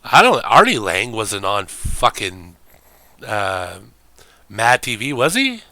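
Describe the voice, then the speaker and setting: A man's voice: lowish voice, huge pitch swings, takes it slowly, sharp tone, dry recording. A man streaming games, talking in a rambling, profane, casual way and laughing often.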